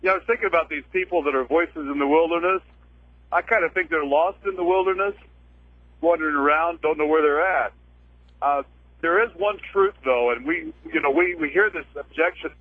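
Male radio caller, slightly high voice, tinny cell phone line that breaks up and clips his words. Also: no room sound. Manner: halting, with many fillers and restarts. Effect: choppy cell phone line cutting in and out. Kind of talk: casual call-in chat. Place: in his car.

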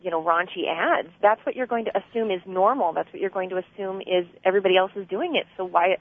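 A woman's voice: mid-range voice, fast talker, no room sound. A woman calling into a radio show from her car over a clipped phone line, explaining things earnestly with fillers and restarts. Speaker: caller. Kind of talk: call-in radio chat. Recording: tinny dry phone line.

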